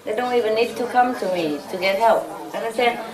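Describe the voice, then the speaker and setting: A woman from Vietnam with a high voice gives an informal spiritual talk, chatting and telling stories with frequent "you know?" asides. She is heard from a distance in a large, reverberant hall. An audience murmurs around her. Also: a little fast, crowd noise. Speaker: spiritual teacher.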